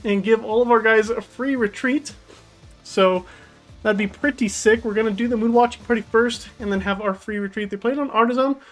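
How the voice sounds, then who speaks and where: A woman's voice: on the high side, normal speed. A woman giving casual commentary on her card game deck, chatty and thinking aloud as she plays. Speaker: gaming YouTuber. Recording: faint background music.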